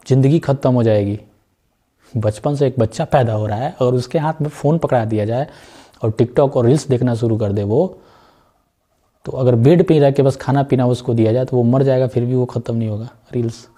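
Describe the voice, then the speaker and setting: A man's voice: mid-range voice, dark tone. Chatty man teaching math. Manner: keeps asking if students understand, jokey asides. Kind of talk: chatty classroom lesson with side talks.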